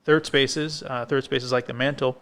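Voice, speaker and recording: A man co-hosting a podcast on a coffee shop set, with a smooth, resonant voice and a flat, steady delivery. He talks casually and rambles, with plenty of fillers and restarts. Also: mid-range voice, moderate pace. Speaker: podcast co-host. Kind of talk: casual conversation. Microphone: filmed podcast set.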